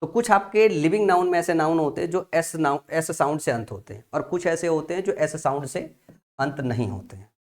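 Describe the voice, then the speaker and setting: A man's voice: a little high, expressive, a little fast. A man teaching English grammar in a classroom-style lesson, repeating key points and asking and answering his own questions.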